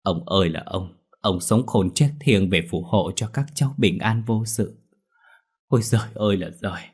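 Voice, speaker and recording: A man's voice: on the low side, normal speed, husky. A man voicing a grieving old grandmother in an audio ghost story, wailing and pleading.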